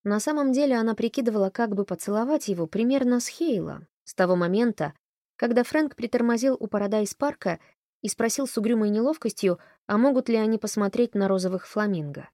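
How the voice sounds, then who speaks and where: A woman narrating an audiobook in an expressive, even storytelling manner. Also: on the high side, fairly quick, dry recording, clean studio sound. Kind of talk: scripted narration.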